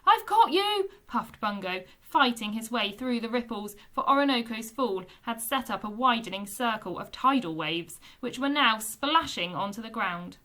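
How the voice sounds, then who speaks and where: A woman, a teacher, reading a children's book aloud with expressive storytelling. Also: on the high side, moderate pace, few pauses.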